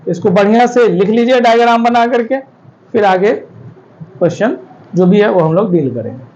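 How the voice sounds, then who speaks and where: Guy teaching a class, high voice, keeps asking if students get it, dull lo-fi sound. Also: lively intonation, moderate pace, darkish tone. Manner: explains step by step, checks students often. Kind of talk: classroom lecture.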